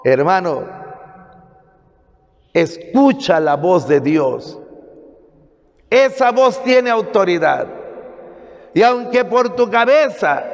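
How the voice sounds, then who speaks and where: High-voiced Mexican priest preaching slowly. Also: male voice, long reverb tail, lo-fi sound. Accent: Mexican Spanish. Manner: emphatic preaching with dramatic pauses. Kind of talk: Sunday gospel sermon. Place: church.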